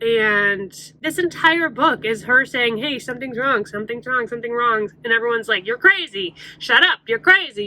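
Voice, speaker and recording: A bright, fairly high-voiced woman chats casually on her book vlog. She talks bluntly and swears freely. A faint hiss sits behind her voice. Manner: frank, exasperated, swears freely. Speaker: book vlogger. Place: in a truck on a hot day.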